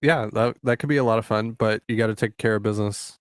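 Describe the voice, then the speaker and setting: A man's voice: fairly low pitch, quick pace, clear, resonant tone, no echo, clean studio sound. A man co-hosting a podcast in casual sports chat, laid-back and often answering with short agreeing replies. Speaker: podcast co-host.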